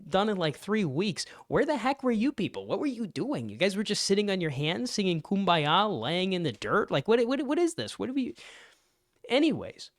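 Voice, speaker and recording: A man giving a political opinion monologue, emphatic and sarcastic, mocking opponents in high put-on voices. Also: big pitch swings, normal speed, no room sound, clean studio sound. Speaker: political commentator.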